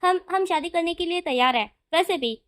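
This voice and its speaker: A woman voicing a calm, reassuring young man speaking to his new husband. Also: extremely high pitch, moderate pace.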